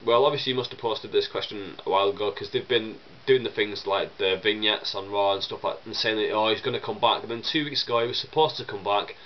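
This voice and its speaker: Speaking quickly with hardly any pauses, a young man with a fairly low voice rambles through viewer questions for his vlog. He's chesty with a cold, coughing and sniffling, and chatty with lots of fillers and restarts. The sound is lo-fi, with a little hiss or hum.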